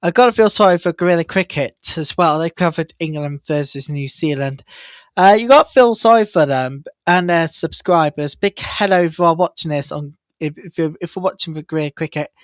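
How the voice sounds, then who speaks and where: A man hosting a live cricket watchalong, chatty and excitable, jumping up in pitch at big moments. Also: fairly quick, dry recording. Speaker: watchalong host.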